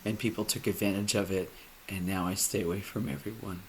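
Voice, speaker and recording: A man speaking a personal monologue, halting and emotional, often dropping to a near whisper. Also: low-pitched, steady tone, a little hiss or hum. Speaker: vlogger.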